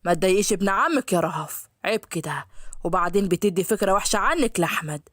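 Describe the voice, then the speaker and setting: A stern father in a spoken story scolds firmly in a lowered Egyptian voice, as a woman puts him on. The voice still moves through a wide range, and the sound is dry and close. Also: animated, fast talker, dry recording, natural voice. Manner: firm, scolding.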